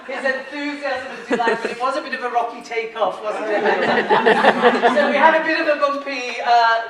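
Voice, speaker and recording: An Irish woman with a voice on the high side leads a live presentation-skills workshop at a moderate pace, chatty and encouraging, laughing often and putting questions to the room. A loud crowd fills the large, echoey training room, and the audio is very echoey and recorded from a distance.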